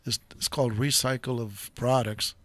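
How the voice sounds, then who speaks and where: A man's voice: mid-range voice, fairly even intonation, normal speed, fairly bright tone. An older man hosting a live talk show, chatting in a rambling, enthusiastic and jokey way.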